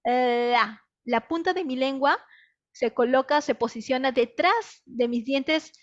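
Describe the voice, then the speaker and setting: Peruvian woman, young, speech therapist, high voice, dull computer-mic sound, chatty teaching manner. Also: slow pace. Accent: Peruvian Spanish. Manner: explanatory, frequent tag questions, acts out child examples. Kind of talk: online training talk. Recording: dull lo-fi audio.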